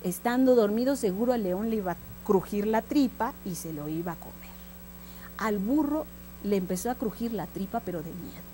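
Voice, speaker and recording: A woman with a Mexican accent telling a children's story, lively, making sound effects and speaking straight to the listeners. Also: medium pitch, brisk, a little hiss or hum. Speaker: storyteller host.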